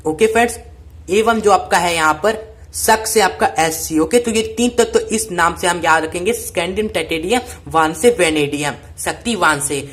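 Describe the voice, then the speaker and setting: A woman's voice: on the low side, moderate pace. Woman drilling chemistry mnemonics. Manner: repetitive, call-and-response drilling. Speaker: teacher.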